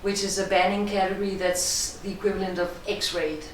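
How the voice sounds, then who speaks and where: A middle-aged woman from Denmark with a Danish accent, a film director giving measured, thoughtful interview answers. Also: mid-range voice, flat delivery, a little hiss or hum. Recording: echoey room, distant mic.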